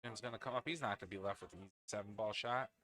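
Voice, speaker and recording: A man's voice: lowish voice, fast talker, sharp tone. A man calling a pool league match live, chatting with his co-commentator between shots. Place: indoors at a pool league venue.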